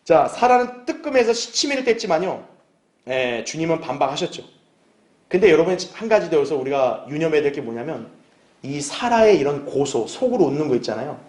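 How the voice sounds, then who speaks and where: A man's voice: a little high, big pitch swings, brisk, a little mellow. Man preaching in a roomy church. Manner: conversational, asks the congregation questions and acts out short dialogues. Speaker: pastor. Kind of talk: sermon, Bible exposition.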